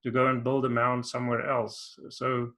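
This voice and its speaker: A South African man giving an online workshop talk, unhurried and hesitant, with many ums and restarts. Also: medium pitch, completely flat delivery, pushed and bright. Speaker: workshop presenter. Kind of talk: conference presentation.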